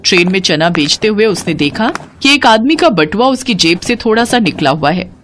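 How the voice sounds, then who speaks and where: A woman narrating a scripted children's moral story in an expressive storytelling manner. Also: mid-range voice, moderate pace, a little hiss or hum.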